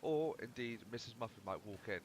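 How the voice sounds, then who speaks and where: A man's voice: lowish voice, lively intonation, a little fast, a little hiss or hum. A young man rambling casually through gameplay commentary, swearing freely as he chats. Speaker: gaming channel host.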